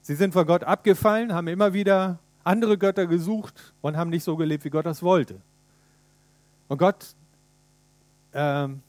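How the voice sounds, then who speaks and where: A man preaching a sermon in a lively way, retelling a story and putting questions to his listeners. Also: on the high side, no echo.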